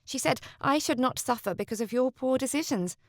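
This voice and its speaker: A woman puts on a timid, loyal young lady in a storybook romance, her voice lifted high and kept soft and hushed, like someone pressed against a door. The reading sounds dry and close, with no room around it. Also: animated, fairly quick, no room sound. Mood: gentle.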